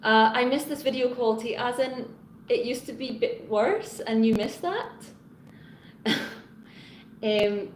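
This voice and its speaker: With a fairly high pitch, a measured pace and frequent pauses, a teacher chats casually with viewers on a live stream from her home in Hong Kong. She drifts, restarts sentences and names commenters as she greets them. Recorded on her phone's front camera, the room echoes and has background noise.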